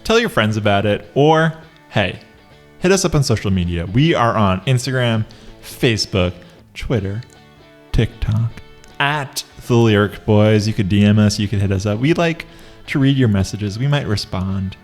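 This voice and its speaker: A man's voice: lowish voice, animated, normal speed, soft background music. A man co-hosting a comedy podcast in a laid-back, jokey way, full of rambling asides. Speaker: podcast co-host. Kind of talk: casual podcast chat.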